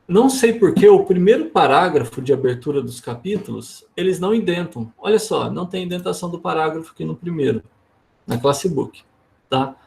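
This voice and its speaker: Gravelly-voiced man teaching an online workshop. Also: a little high, expressive, a little fast, a little mellow. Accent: Brazilian Portuguese. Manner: casual, explanatory, frequent tag questions. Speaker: instructor.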